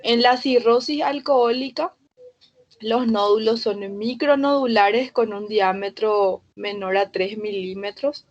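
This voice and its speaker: Woman giving a steady medical lecture. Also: fairly high pitch, unhurried, dull audio. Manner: steady, methodical listing. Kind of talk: recorded lecture narration.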